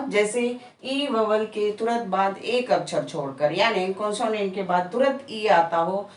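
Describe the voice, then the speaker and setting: A woman's voice: mid-range voice, distant mic. A woman teaching a patient spoken lesson, drawing out each example word one by one. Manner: stretches out example words one by one. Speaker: English teacher. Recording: echoey room, voice a bit off-mic.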